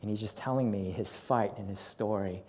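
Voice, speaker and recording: A man's voice: on the low side, moderate pace, a little mellow, a little hiss or hum. A middle-aged male pastor preaching a sermon, telling a personal story and acting out his own reactions.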